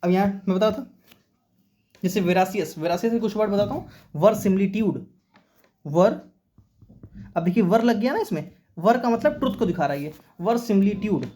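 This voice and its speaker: A warm, high, expressive male voice, moderately paced with frequent pauses, leads a vocabulary and grammar session for competitive exams. He takes his time explaining words, spells a few letter by letter, and keeps asking "okay".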